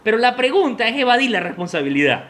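A man's voice: extremely high pitch, big pitch swings, fast talker, fairly bright tone. A man with a Venezuelan accent co-hosting a casual chat, telling stories and acting out voices, laughing often. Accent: Venezuelan Spanish. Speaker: podcast co-host.

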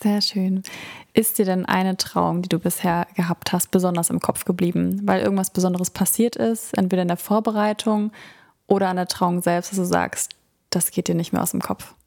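A woman hosting an interview, calmly asking a guest a question. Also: fairly low pitch, moderate pace, gravelly.

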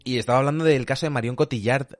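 A man in casual podcast chat, explaining in a measured way with dry jokes. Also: medium pitch, dry recording, soft background music.

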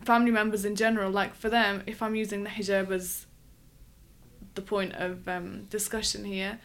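A woman, a wedding dress designer talking as a guest in a relaxed interview, thoughtful, with frequent ums. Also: mid-range voice, moderate pace. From England. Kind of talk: conversational interview.

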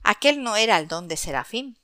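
A woman narrating a children's story expressively, addressing young listeners in an animated way. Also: mid-range voice, a little fast, no room sound, clean studio sound.

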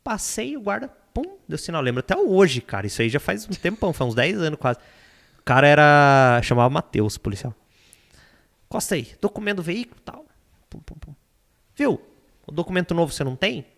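A man's voice: fairly high pitch, very animated, fairly quick, creaky, fairly bright tone, big-room sound. A man telling a story as a podcast guest, laughing often and acting out the voices of the people in it. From Brazil. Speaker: podcast guest, sertanejo singer. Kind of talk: animated storytelling.

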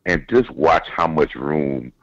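A man's voice: rumbling low, slow pace, no room sound. A man calling in over the phone, a football coach chatting casually and repeating words as he builds his point. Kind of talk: casual sports chat. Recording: dull dry phone line.

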